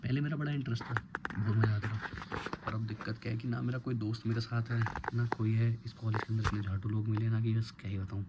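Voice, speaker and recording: A young man in his twenties, a college student, talks quietly and rambles in a casual late-night vlog at home, recorded close on a phone. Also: fairly low pitch, steady tone, fast, very noisy. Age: 20s. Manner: hushed, rambling, self-mocking. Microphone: phone held close.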